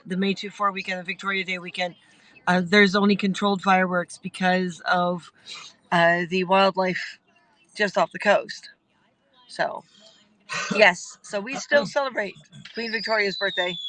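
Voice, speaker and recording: A woman's voice: mid-range voice, a bit bright, no room sound, low-quality recording. A woman hosting a casual livestream from a car, chatting in a rambling way with lots of fillers. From Canada. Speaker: livestream host. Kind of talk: casual live chat while riding in a car. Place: in a car at night.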